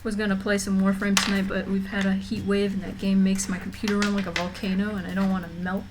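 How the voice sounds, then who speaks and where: A woman's voice: mid-range voice, completely flat delivery, quick pace, background noise. Chatty young woman streaming from home. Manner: rambling, chatty, many fillers and restarts. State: mildly nauseous. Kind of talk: casual livestream chat. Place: home room.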